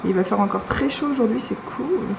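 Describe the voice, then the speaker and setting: A young woman from Réunion, hoarse after waking up, chatting in a rambling, self-mocking way for her vlog. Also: a little high, brisk, a little hiss or hum. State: hoarse, just woken up. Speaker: vlogger. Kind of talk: casual vlog chat. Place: home in the morning, then driving a car.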